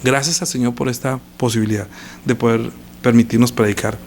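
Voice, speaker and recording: A man preaching a live-streamed sermon, reading scripture aloud and repeating phrases. He swings from loud emphasis to hushed lines. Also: mid-range voice, fairly even intonation, a little fast, a little hiss or hum.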